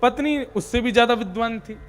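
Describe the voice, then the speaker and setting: A man's voice: very high-pitched, a little fast. A male preacher giving a devotional sermon, explaining and stressing correct pronunciation as he tells a story.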